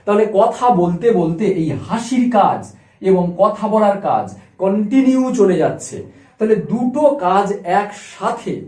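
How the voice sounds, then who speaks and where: A man with a high, animated voice teaches an English grammar lesson. He explains patiently, repeating key words and spelling them out letter by letter. The room around him rings with echo. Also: measured pace.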